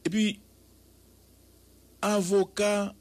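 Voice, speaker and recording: A man's voice: high voice, little pitch movement. A man with a Haitian accent giving emphatic radio news commentary, repeating words for effect and asking rhetorical questions. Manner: emphatic, drawn-out repetitions, proverbs and rhetorical questions.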